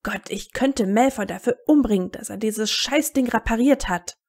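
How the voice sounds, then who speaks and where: A woman voicing a hot-tempered teenage boy wizard who shouts and swears in agitation. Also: medium pitch, moderate pace, husky. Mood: furious.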